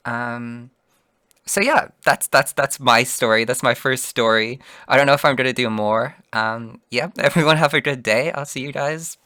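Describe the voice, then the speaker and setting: A man's voice: medium pitch, moderate pace, sharp tone, dry recording, studio quality. A young man telling a story casually, rambling with heavy swearing and constant fillers. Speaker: vlogger.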